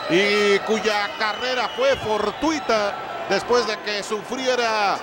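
A man's voice: high-pitched, fairly even intonation, takes it slowly. A man with a Mexican accent giving live colour commentary on a wrestling broadcast. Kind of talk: live commentary with background stories. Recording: loud arena crowd and music behind.

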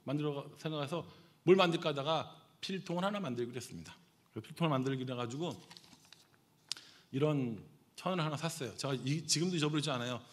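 A middle-aged man preaching a sermon as pastor, telling a story with animated swings between loud and hushed delivery. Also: fairly high pitch, fast talker.

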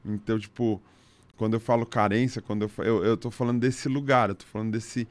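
A man with a Brazilian Portuguese accent hosting a casual podcast interview, talking in a slangy, halting way full of restarts. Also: fairly low pitch, fairly even intonation, no room sound. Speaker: podcast host.

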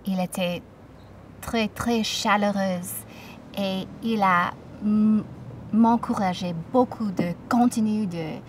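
Out on a backyard deck, a Toronto singer-songwriter in her thirties introduces herself casually, speaking softly and hesitantly with frequent pauses. A native English speaker with an English Canadian accent, she has a lowish voice. A studio mic with a pop filter sits slightly off-axis and distant from her, and there's slight background noise.

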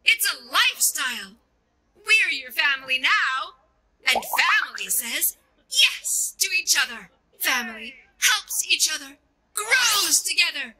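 A woman's voice: sits high, big pitch swings, unhurried, sharp tone, heavily acted, low-quality recording. An actress voicing a grandiose, theatrical female CEO character in a video game, speaking in a showy, commanding way. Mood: preaching. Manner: showy, sing-song and commanding.

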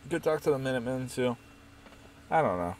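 A man's voice: medium pitch, animated, fairly quick, a little mellow, a little hiss or hum, poor audio. A young man streaming a game late at night, rambling and profane in casual commentary. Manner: rambling, profane, self-mocking.

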